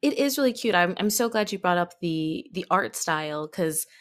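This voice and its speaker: As a guest on a podcast, a woman chats casually about anime, telling stories expressively and tossing in self-deprecating asides. Her voice is lowish, with lively intonation and a moderate pace.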